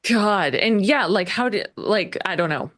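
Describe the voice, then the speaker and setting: A woman co-hosting a podcast, reacting in casual chat with short, unhurried remarks. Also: mid-range voice, animated, a bit bright. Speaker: podcast co-host.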